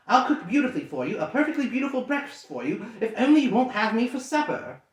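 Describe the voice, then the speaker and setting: A man's voice: extremely high pitch, very animated, fast, echoey room, voice pushed up. Man doing a timid, pleading little hobbit. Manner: nervous, begging, stumbling over words. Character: small frightened male hobbit, polite and pleading.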